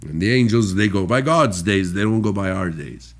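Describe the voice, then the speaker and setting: A middle-aged man from Saudi Arabia, a podcast guest, explaining ideas through religious stories in a relaxed chat and laughing often. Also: lowish voice, moderate pace. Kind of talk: casual podcast conversation.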